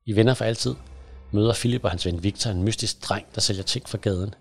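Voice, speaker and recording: Low, gravelly man reading a story. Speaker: narrator. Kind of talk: scripted storybook narration. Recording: soft music under the voice.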